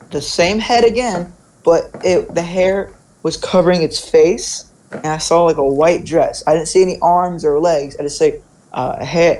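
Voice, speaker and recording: Recorded with poor audio, a young man with a higher, slightly mellow voice spins casual stories. His informal speech is sprinkled with "like" and frequent "right?" check-ins.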